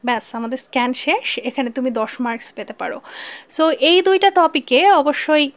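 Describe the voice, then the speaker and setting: A woman with a Bangladeshi accent and a high voice teaches exam prep. She is patient, reads English lines slowly, and keeps checking that her students follow. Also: animated. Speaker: English literature tutor. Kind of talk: online exam-prep lesson.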